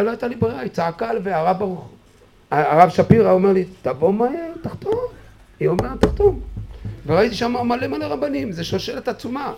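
A man speaking at a memorial gathering, telling a personal story in an animated way and acting out quotes with sudden shouts, then urging his listeners on fervently. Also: sits high, creaky. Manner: animated, acts out quotes with sudden shouts, many fillers and restarts. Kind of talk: personal storytelling eulogy, turning into fervent exhortation.

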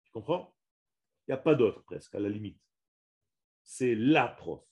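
A man's voice: medium pitch, lively intonation, unhurried, a little mellow. A man teaching a religious lesson on the Hebrew language to a small group, speaking in an emphatic way, repeating and restarting his words and stressing each Hebrew term.

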